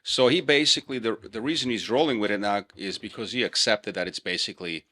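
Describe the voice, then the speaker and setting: Emphatic man, bright voice. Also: on the low side, quick pace. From Serbia. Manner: animated, emphatic, repeats words when worked up. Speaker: podcast co-host. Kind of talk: casual chat.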